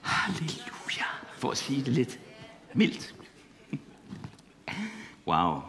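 A man's voice: on the high side, a bit bright, a little hiss or hum. A middle-aged man preaching a sermon, passionate and full of repeated exclamations, telling stories from his life. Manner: impassioned, repetitive exclamations; storytelling with laughter.

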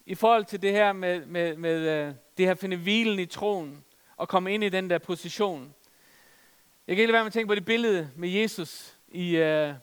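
Middle-aged preacher, resonant voice, animated sermon delivery in a church hall. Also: male voice, sits high, clean tone. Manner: animated storytelling with humor, fillers and emphatic scripture reading.

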